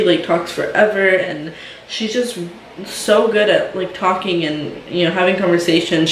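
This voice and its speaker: A woman's voice: on the low side, a little hiss or hum. A young woman talking casually as a mom vlogger, chatty and filling her talk with "um" and "like". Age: young adult. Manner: chatty, many fillers and "like". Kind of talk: casual chat. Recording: roomy sound from a distance.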